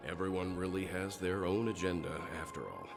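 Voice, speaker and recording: A man playing a calm, mature mentor in an anime game, explaining things gently and deliberately. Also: sits low, gravelly, music in the background. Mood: reflective.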